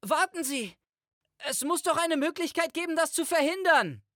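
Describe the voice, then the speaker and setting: A man's voice: extremely high pitch, lively intonation, normal speed, a bit bright, dry recording, clean studio sound, pitched above the performer's own voice. A man voicing a desperate family man who stammers and pleads, frantic at the prospect of his own death. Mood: panicked pleading.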